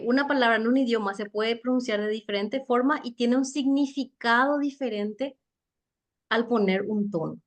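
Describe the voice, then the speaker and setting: Female seminar speaker, slightly high voice, loose chatty delivery full of restarts and rhetorical tag questions. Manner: loose, halting delivery with many fillers and restarts. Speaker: speaker teaching soft skills for network marketing. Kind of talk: conversational seminar talk.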